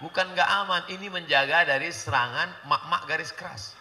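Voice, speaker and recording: A man from Indonesia giving a humorous sermon in a large hall, acting out little scenes and swinging from hushed asides to loud, shouted points. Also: a little high, brisk, background noise. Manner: jokey, acts out characters, swings from hushed to shouting. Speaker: Islamic preacher. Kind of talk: humorous sermon with acted-out dialogue.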